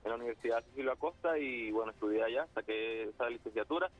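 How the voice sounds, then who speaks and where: A Zulian Venezuelan muralist speaks fast in a mid-range male voice as a guest on a phone interview, with soft music in the background. The line sounds muffled, and his speech is hesitant and packed with fillers.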